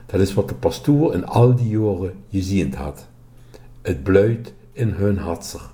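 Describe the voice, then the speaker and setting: A man reading a village story aloud in a slow, measured storytelling manner. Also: deep voice, animated, mellow. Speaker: narrator.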